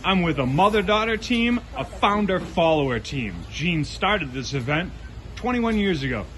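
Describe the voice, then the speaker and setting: On location at a rainy, windy waterfront event, a man reports and interviews people in a jokey, theatrical style. His high voice is expressive and moderately paced, with a crowd audible behind him and noisy outdoor sound throughout.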